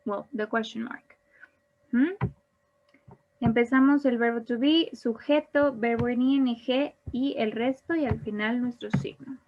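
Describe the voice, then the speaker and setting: Unhurried and steady, a woman with a fairly high voice walks an online class through English grammar, restating each rule in Spanish. The computer mic gives the recording a dull, lo-fi quality.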